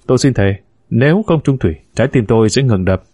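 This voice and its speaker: A man voicing a smooth-talking scheming husband, a con man who speaks in a glib, persuasive way, in a spoken story. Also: mid-range voice, lively intonation, fast, mellow, no room sound, natural voice.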